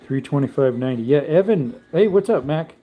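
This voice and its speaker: A man in his thirties hosts a casual livestream from his home man cave, rambling and reading viewer comments aloud, and he slips into high baby-talk when calling his dog. His voice is animated and brisk with a warm tone, and there's a little hiss or hum.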